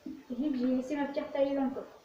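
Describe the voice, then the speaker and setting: A woman's voice: sits high, level tone, fast talker. Woman, casual let's play host, short narrated fragments, heavy room echo, muffled distant recording. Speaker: gaming video host. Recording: very echoey, distant, muffled, faint noise.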